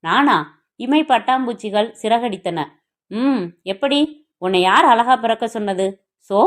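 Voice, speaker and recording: A woman narrating a crime novel as an audiobook, reading the dialogue of every character herself. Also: on the high side.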